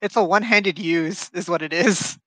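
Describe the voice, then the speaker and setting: A young man joining a casual gaming video as a guest, chatting in a relaxed, questioning way. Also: high-pitched, normal speed, no echo, low-quality recording.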